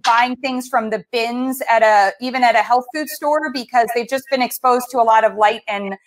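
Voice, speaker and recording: Woman dietitian, slightly high voice, casual rambling chat over a video call. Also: moderate pace. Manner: chatty, many fillers and restarts. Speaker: dietitian co-host. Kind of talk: casual cooking demo chat.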